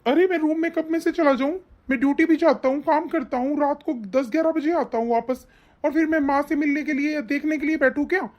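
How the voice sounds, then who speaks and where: A woman's voice: high voice, steady tone, brisk, darkish tone, close to an everyday voice. Woman voicing a defensive husband, dull audio. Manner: defensive, brushing off, plain. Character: busy, defensive adult son and husband. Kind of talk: animated story voice acting.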